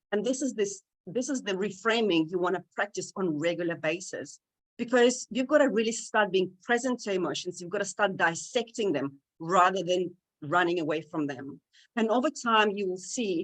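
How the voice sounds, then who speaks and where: A woman speaking at a tech event, giving an earnest, animated motivational talk that addresses the audience directly. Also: medium pitch. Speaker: conference speaker. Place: event stage.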